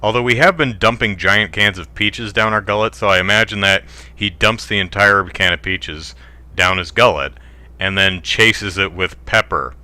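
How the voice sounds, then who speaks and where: A man hosting a let's play, riffing wryly on the game and reading out viewer chat. His voice sits a bit low but has a sharp, very bright edge. The delivery is loose, casual commentary. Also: moderate pace, no room sound. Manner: wry, joking, reads viewer comments aloud.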